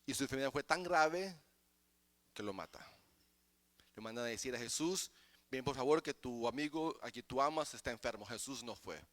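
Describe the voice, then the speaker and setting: A male pastor preaching a sermon in church, moving from quiet explanation to loud, chanted exhortation. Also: mid-range voice, expressive, moderate pace, no echo. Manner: starts quiet and builds to shouting, chanted preaching.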